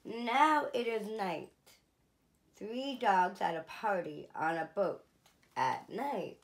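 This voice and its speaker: Slow, expressive woman reading aloud. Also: mid-range voice, poor audio. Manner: slow, clear and expressive, lifting her voice for the dogs' exclamations. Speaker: children's museum storyteller. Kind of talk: picture book read-aloud. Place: small indoor room, seated in an armchair.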